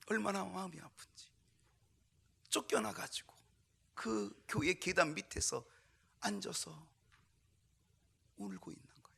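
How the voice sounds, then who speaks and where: A male pastor preaching a sermon in a church, emphatic and swinging from loud exclamations to near whispers. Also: sits high, gravelly, breathy edge. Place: church sanctuary.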